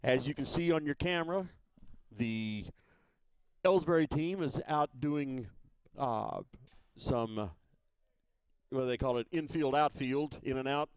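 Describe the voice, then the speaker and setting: A play-by-play broadcaster with a Missouri accent calls a high school baseball game from the press box in a smooth, resonant voice. His casual local call is folksy and unhurried, packed with fillers, with sentences he circles back to and restarts. The recording is dry and close.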